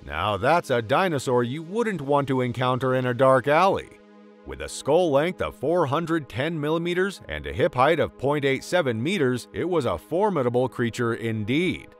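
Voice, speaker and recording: Animated male nature documentary narrator. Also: mid-range voice, normal speed. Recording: music behind the voice. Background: background music.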